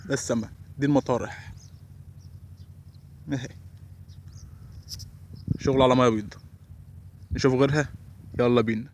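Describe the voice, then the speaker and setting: A man with an Egyptian Arabic accent giving excited live commentary while fishing outdoors by a canal, talking to his viewers and calling out exclamations. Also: mid-range voice, moderate pace, pauses often, a little hiss or hum. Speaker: fishing vlogger.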